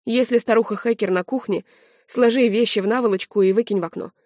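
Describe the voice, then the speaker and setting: A woman reading an audiobook, voicing a calm, protective young man in a steady, reassuring, slightly lower voice. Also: fast, no echo, clean studio sound, natural voice. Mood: calm, firm.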